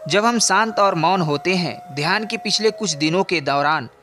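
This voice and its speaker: A man voicing a young prince in a storybook, calm and reflective, speaking in a steady, earnest way. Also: high-pitched, moderate pace, faint music behind. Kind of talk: scripted storybook narration.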